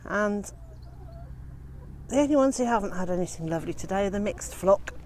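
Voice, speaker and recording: A woman in her fifties, a homesteading vlogger, chatting casually outdoors by her chicken pens, gently amused and sometimes talking to her birds. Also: medium pitch, animated, fairly quick, a little hiss or hum. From Wales. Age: 50s. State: out of breath. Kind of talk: casual vlog narration.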